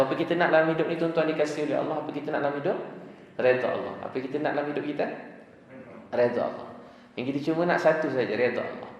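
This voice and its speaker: A man with a Malaysian accent gives a sermon, asking the audience questions and answering them himself. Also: medium pitch. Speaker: preacher. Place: mosque. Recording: echoey mosque hall.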